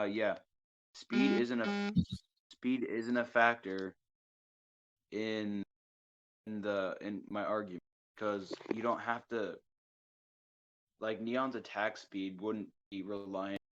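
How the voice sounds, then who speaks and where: A man's voice: lowish voice, fairly bright tone. A man arguing his point in a casual debate over a voice call, his audio breaking up and cutting out between words. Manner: argumentative, restarts mid-sentence. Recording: dull lo-fi call line dropping out.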